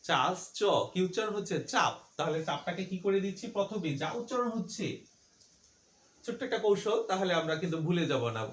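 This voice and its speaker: In an echoey classroom, a male physics teacher with a fairly high, slightly bright voice lectures quickly. He poses questions and answers them himself, repeating each point so it stays with students.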